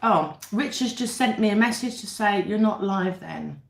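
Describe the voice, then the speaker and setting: A woman's voice: medium pitch, expressive, normal speed, creaky. A woman with a British accent hosting a casual livestream, chatting to viewers while eating her dinner mukbang-style. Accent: British English. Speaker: livestream host. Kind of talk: casual live chat over a meal. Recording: echoey room.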